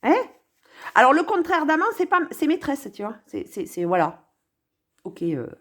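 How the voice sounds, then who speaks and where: A woman's voice: sits high, very animated, moderate pace, fairly bright tone. A woman giving casual, sarcastic commentary on a song, talking straight to the viewer and swinging between mutters and exclamations. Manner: sarcastic, playful, talks to the viewer.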